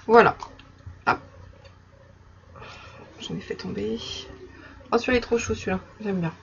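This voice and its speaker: A young woman casually chatting in her vlog while showing stickers she bought, with many fillers and soft laughs. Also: mid-range voice, measured pace, creaky. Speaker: vlogger. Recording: slightly dull recording with faint background noise.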